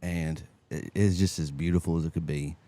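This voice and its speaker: A man, co-hosting a live stream and telling stories in a colorful, animated way. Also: rumbling low, normal speed. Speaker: co-host. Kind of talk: casual live-stream chat and storytelling.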